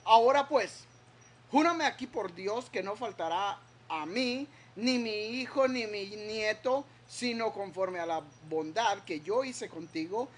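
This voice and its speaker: A male pastor preaching a sermon, reading scripture and acting out the quoted words with emphasis. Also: high voice. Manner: slow, emphatic preaching with dramatic quoted voices.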